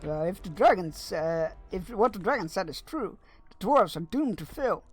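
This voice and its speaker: A man streaming a video game, giving casual, rambling, excitable and sweary commentary as he plays. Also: high-pitched, normal speed. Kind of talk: casual game commentary, reacting and reading along. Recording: loud game music behind. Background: game music.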